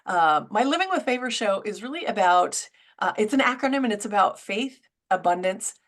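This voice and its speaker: A woman's voice: medium pitch, expressive, normal speed, fairly bright tone. A middle-aged woman hosting a casual faith and wellness talk show, chatty, with frequent fillers and restarts. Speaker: podcast host.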